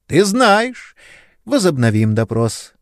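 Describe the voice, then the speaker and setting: A mocking young bandit relishes every threat, voiced by a male reader. His voice sits high and carries loud, swinging with a lively, gloating lilt in a dry, close storybook reading. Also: takes it slowly, dry recording, full character voice. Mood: cold threatening. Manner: mocking, triumphant, menacing. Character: cruel gleeful young male bandit torturer.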